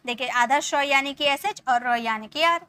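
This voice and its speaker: A woman from India giving an online lesson as an English teacher, patiently explaining and often checking that the point is clear. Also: high-pitched, moderate pace, pushed and bright. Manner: patient, repeats points with frequent check-ins.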